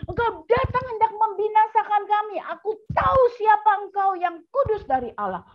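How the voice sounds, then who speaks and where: A woman voicing a hostile demon that has possessed a man, crying out high and shrill in a storytelling lesson. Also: expressive, brisk, a little hiss or hum. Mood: shrill, accusing. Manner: high shrill accusing cry. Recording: dull lo-fi video call audio.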